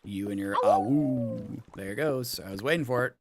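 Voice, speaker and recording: A man live-streaming a game, chatting casually, reading out chat, thanking viewers for follows and subs, and breaking into excited laughter. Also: medium pitch, moderate pace, background noise.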